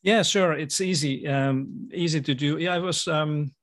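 A man's voice: fairly high pitch, unhurried. A man from Finland with a Finnish accent, a guest in a podcast interview, speaking in a thoughtful, modest way with many hesitations. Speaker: guest, education expert.

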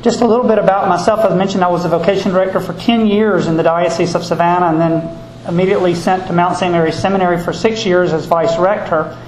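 A middle-aged male priest from Georgia, reading scripture and preaching at a service in a measured, deliberate way, with a cathedral-like echo around his voice. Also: high-pitched, fairly even intonation. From Georgia, USA. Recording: echoey church with faint background noise.

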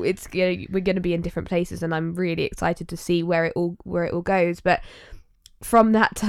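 A young woman hosting a podcast, asking quick, enthusiastic questions of a friend. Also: fairly low pitch, smooth, dry recording, studio quality. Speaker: podcast host. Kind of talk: casual podcast interview.

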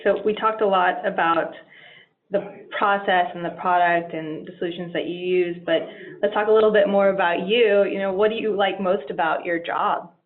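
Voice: mid-range voice, steady tone, moderate pace. A podcast host who asks friendly follow-up questions in a casual interview. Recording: tinny phone-like line.

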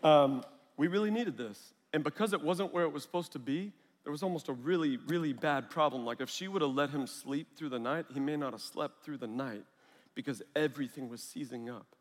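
High-voiced preacher in a reverberant hall. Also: male voice, a little fast. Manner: animated, acts out family dialogue. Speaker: pastor. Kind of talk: storytelling sermon.

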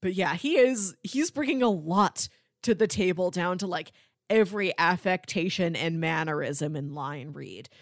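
A woman co-hosting a podcast, talking in a lively, chatty way and laughing easily. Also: on the low side, normal speed, no room sound, clean studio sound. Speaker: podcast co-host. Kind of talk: casual chat.

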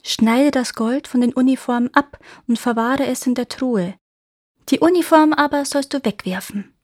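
A woman's voice: high voice, normal speed, a little mellow, no echo, studio quality, voice pushed up. A woman reading a fairy tale, voicing a magical lizard girl who commands and warns intruders. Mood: instructing. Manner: commanding, calls out sharply.

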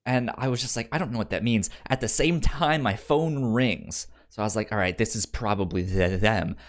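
In a mid-range voice at normal speed, a podcast co-host with a stutter tells an informal story in casual chat, repeating sounds and words and acting out the dialogue.

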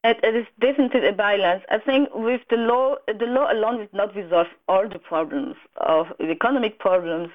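A woman from Cameroon, a radio guest answering earnestly with many restarts. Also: medium pitch. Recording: tinny phone line.

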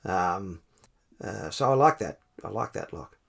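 A man's voice: low voice, expressive, unhurried, creaky, slightly rough. Hesitant man musing on scripture. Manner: hesitant, searching, with stumbles and restarts. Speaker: Bible study participant. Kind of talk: reflective group discussion.

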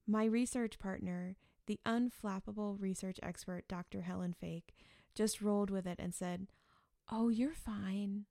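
A woman narrates her own nonfiction book in a calm, measured audiobook read. Her voice is mellow and warm, with a steady gravelly fry at phrase ends. The sound is dry and close, with no room around it. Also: mid-range voice, dry recording. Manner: calm, measured, gently explanatory.

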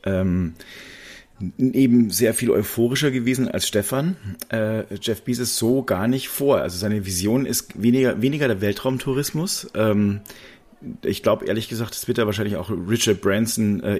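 A man's voice: fairly low pitch, normal speed, darkish tone. A man co-hosting a podcast, chatting casually with many fillers and stammering restarts. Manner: lots of fillers, stammering restarts, laughs easily. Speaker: podcast co-host. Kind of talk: casual chat. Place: Berlin.

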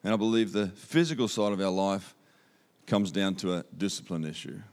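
The guest speaker at this church sermon is an Australian-accented man whose voice sits low and has a darkish tone, moving fairly quickly. Holding a handheld mic in the auditorium, he stays upbeat and conversational and emphasizes key phrases by repeating them.

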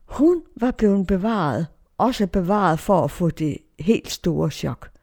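A woman's voice: lowish voice, darkish tone. A woman giving a personal faith testimony in an emotional way, her tone swinging widely.

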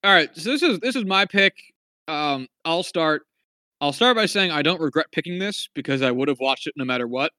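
Man, podcast co-host, bright tense voice, rambling casual film talk, dry close sound. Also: a little high, no echo. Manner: rambling, frequent fillers, wry asides. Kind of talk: casual movie review chat.

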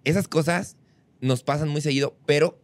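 A man with a Mexican Spanish accent, a guest on a chat show, telling a story in a lively way and acting out the fight with sound effects. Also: on the high side, moderate pace, no room sound. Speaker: guest, comedy group member.

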